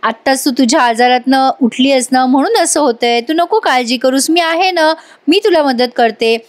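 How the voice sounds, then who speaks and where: A woman's voice: high voice, moderate pace, lightly acted. A woman voicing a cheerful, determined young heroine who reassures and teases others in a retold serial. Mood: reassuring. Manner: reassuring, teasing.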